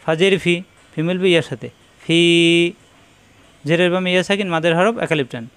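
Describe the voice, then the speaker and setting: A man's voice: high voice, clear, resonant tone. A man teaching Quran recitation, patiently spelling out syllables and explaining where each sound is made. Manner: patient, repeats syllables slowly and explains mouth positions; slow drawn-out chanted recitation. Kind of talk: slow spelling-out recitation lesson.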